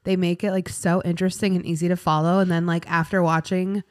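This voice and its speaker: A woman's voice: on the low side, level tone, quick pace. A woman co-hosting a casual podcast chat, bubbly and gushing, laughing often. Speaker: podcast co-host; vlogger.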